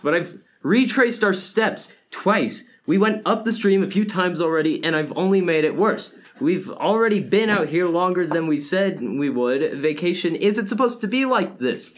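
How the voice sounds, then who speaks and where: A man's voice: high voice, lively intonation, normal speed, few pauses. A young man playing a worried hiker in an improvised skit with friends, fretting and anxious.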